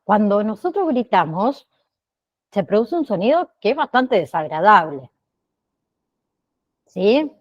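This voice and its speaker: Slow-talking woman teaching an online class. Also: medium pitch, very animated, muffled recording. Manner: slow, checks in with frequent "¿sí?" and "¿bien?".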